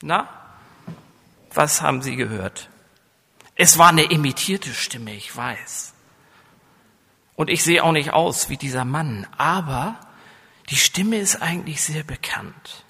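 Pastor with a northern coastal accent, hall reverb. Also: male voice, on the high side, animated, slow pace, gravelly, long pauses, bright, forceful tone, breathy edge. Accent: northern German coastal. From northern Germany. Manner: preaching with rising emphatic passages, asks the congregation questions. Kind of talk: sermon. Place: church. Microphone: microphone.

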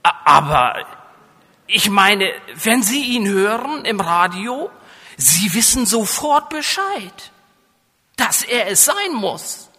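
Pastor with a northern coastal accent, hall reverb. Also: male voice, high voice, very animated, takes it slowly, pushed and bright, breathy edge. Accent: northern German coastal. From northern Germany. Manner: preaching with rising emphatic passages, asks the congregation questions. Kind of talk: sermon. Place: church. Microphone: microphone.

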